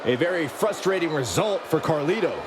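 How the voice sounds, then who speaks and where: A man's voice: fairly high pitch, lively intonation, fairly quick, lightly acted. A man working as a wrestling commentator, calling moves during a match. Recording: noisy, roaring arena crowd behind.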